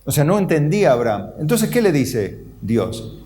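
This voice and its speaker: Man preaching with a dark, mellow voice. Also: sing-song, moderate pace, a little hiss or hum. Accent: Argentine Spanish. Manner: acts out Bible figures' voices with rising pitch. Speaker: pastor. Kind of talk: sermon.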